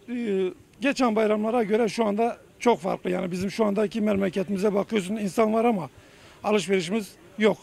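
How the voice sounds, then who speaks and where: A man's voice: high-pitched, creaky, darkish tone. A male market trader, answering off the cuff in a street interview. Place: outdoors at a market.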